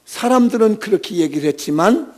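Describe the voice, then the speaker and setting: A male pastor preaching a Sunday sermon dramatically, moving between shouted emphasis and hushed lines and putting rhetorical questions to the congregation. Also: high-pitched, lively intonation, a little fast.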